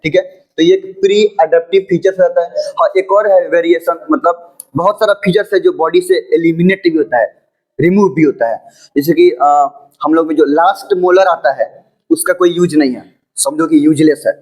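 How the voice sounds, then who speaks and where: A man teaching a school biology lesson in a casual lecture style, asking rhetorical questions and repeating points, with English textbook lines read slowly. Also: a little high, darkish tone, rough recording. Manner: explains with rhetorical questions and repetitions. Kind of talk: informal classroom lecture.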